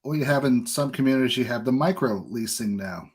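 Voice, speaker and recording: Speaking briskly in a medium-pitched, slightly rough voice, an American man hosts a laid-back podcast interview and freely shares his personal views.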